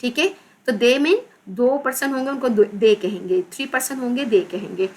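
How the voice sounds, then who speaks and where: A woman teacher with a Pakistani accent explaining a children's English lesson, reading English words slowly, repeating them and spelling them out. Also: a little high.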